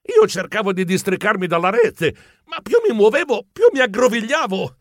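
A man narrating a comic children's story in the first person, in an animated, expressive telling. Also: high-pitched, moderate pace, no echo, clean studio sound. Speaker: audiobook narrator.

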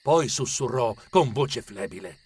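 A man narrating a children's story with expressive storytelling. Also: mid-range voice, unhurried, husky.

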